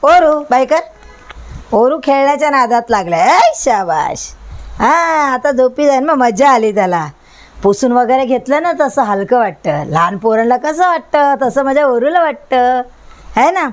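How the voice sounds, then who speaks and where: A woman's voice: high voice, expressive, normal speed. A woman vlogging as she coaxes her pet dog in repetitive baby talk. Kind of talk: casual vlog talking to her dog.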